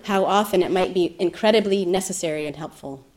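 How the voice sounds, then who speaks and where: Woman meditation teacher, lowish voice, soft and reflective delivery. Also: brisk. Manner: soft-spoken, thoughtful, with gentle laughs. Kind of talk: reflective dharma talk.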